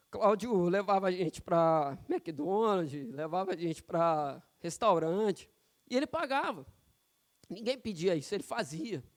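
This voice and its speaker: A male pastor from São Paulo preaching a sermon in a church, telling personal stories in a conversational way with frequent tag questions. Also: high-pitched. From São Paulo, Brazil. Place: church sanctuary.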